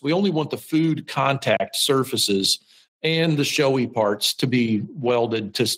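A middle-aged podcast host talks about welding from his metal shop in a casual how-to style, rambling and poking fun at himself, full of ums and restarts. His voice is mid-range with a fairly bright tone. The audio quality is poor.

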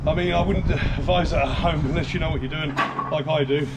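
A middle-aged man, a veteran strongman, answering questions with deadpan jokes in a back garden gym. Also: a little high, fairly quick. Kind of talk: joking outdoor chat. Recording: outdoor background noise.

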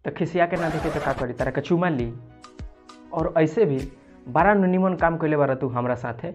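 A man's voice: a little high, normal speed, music in the background, natural voice. A man with a Bhojpuri accent playing a sulky, complaining village friend in a comedy sketch. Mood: grumbling. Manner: complaining, sarcastic.

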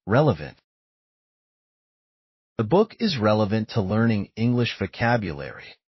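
A man reads vocabulary words and sample sentences at a very slow, deliberate pace. His voice is low and husky, yet his pitch moves in a lively way. The recording is dry and a little dull, lacking high end. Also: dry recording. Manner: measured, deliberate enunciation. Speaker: vocabulary reader. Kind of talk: slow scripted word-and-sentence reading.

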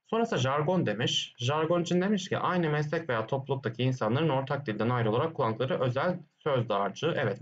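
A male teacher walks through exam questions individually, raising questions to himself and answering them in a step-by-step explanation while humming "dın dın dın" between points. His voice is medium-pitched, and the recording has its highs cut off.

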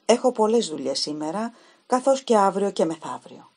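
Woman narrator voicing a young businessman, hurried and tender, husky tone. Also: medium pitch, animated, a little mellow, voice pushed up. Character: young male company director, hurried.

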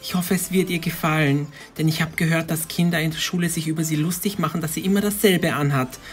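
A doting, soft-spoken mother in an animated story, played by a woman. Her voice sits lower than usual and stays gentle. Quiet music runs underneath. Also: quick pace, lightly acted. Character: warm, caring mother of a schoolgirl.

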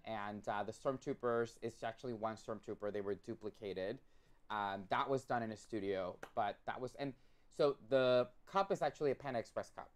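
Speaking at a normal pace in a lowish voice, a young documentary filmmaker from Puerto Rico talks keenly through a casual interview on a video call. The webcam catches him in a collectible-filled room at home, stumbling into frequent restarts and fillers.

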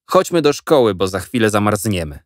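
A man's voice: on the low side, big pitch swings, fairly quick, no room sound, clean studio sound. A man voicing a practical schoolboy who talks impatiently and matter-of-factly.

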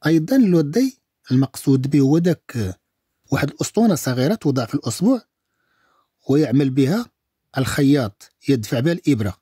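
Teacher casting: Moroccan man, slow drilled syllables, lively pitch, husky and mellow, dry close sound. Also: no room sound. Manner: repeats each word slowly several times. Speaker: French teacher. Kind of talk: slow, syllable-by-syllable language lesson.

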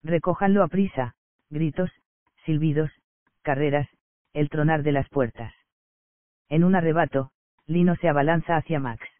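Un hombre que lee en voz alta una obra de teatro, incluidas las acotaciones, con tono llano y parejo. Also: male voice, on the high side, steady tone, moderate pace, pauses often, no room sound. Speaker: audiobook narrator. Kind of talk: reading a stage play aloud. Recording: dry, tinny phone-like sound.

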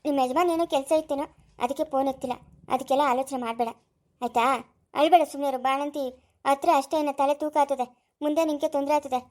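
A woman's voice: high-pitched, steady tone, quick pace, lightly acted. A woman voicing a protective sister-in-law who comforts and scolds, with a Chikkaballapur Kannada accent, in a homemade family skit. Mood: comforting fierce. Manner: scolding yet comforting, forceful.

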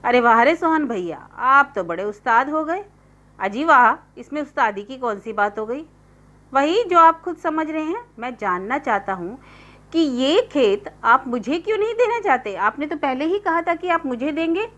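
A woman's voice: sits high, very animated, moderate pace, a bit bright. A woman voicing a hurt, reproachful village man arguing with his cousin in a story reading. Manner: pleading then reproachful. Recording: dull lo-fi recording.

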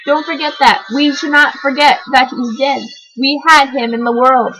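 A teenage girl ranting and gushing in a casual vlog, rambling and excitable. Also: high-pitched, moderate pace, low-quality recording. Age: teens. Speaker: vlogger.

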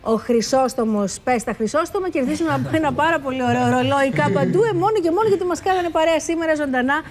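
High-voiced playful woman TV host. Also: crowd noise. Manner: playful, teasing, lively. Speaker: studio host. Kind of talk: live TV street game by phone.

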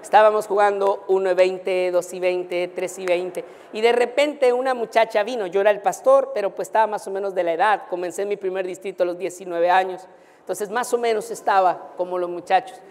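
A male pastor telling a personal story in a lively, anecdotal preaching style. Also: sits high, fairly quick. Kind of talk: storytelling sermon. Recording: long hall reverb.

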